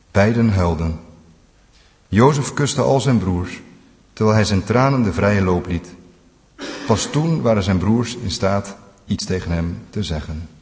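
A man reading scripture aloud in a calm, measured way during a church service. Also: fairly low pitch. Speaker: scripture reader. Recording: long church reverb.

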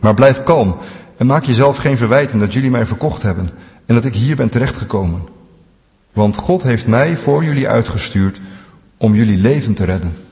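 A man's voice: medium pitch, expressive, moderate pace, darkish tone, close to an everyday voice. Male reader doing a moved, urgent ruler; slightly raised voice, long hall reverb. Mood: heartfelt. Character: emotional male ruler revealing himself to brothers.

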